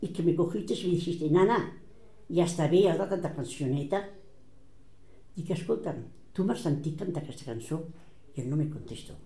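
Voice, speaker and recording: An older woman with a Catalan accent recounts old family quarrels in a lively storytelling manner. She slips into the voices of the people she quotes. Her voice is very dark and mellow, and it rings in an echoey room. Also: fairly low pitch, moderate pace. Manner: animated, acts out quoted voices. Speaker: relative recounting family history.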